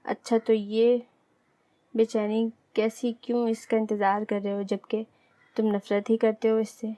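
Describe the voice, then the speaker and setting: A woman voicing a young man's inner heart, which questions him and gently reproaches him. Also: on the high side, monotone, close to an everyday voice. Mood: probing.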